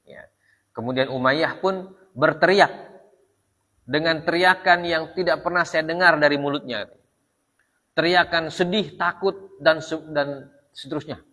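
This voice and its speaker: Preacher in an echoey hall. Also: male voice, fairly high pitch, bright, forceful tone. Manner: reads Arabic text slowly, then retells in Indonesian with frequent "ya". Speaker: religious teacher. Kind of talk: Islamic study lecture. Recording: long hall reverb.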